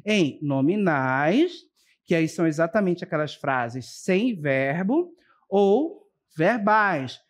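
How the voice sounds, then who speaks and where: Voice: mid-range voice, lively intonation, takes it slowly. A teacher giving a televised school lesson, explaining step by step and often checking in with the class. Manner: addresses students directly and warmly as a group. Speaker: Portuguese teacher.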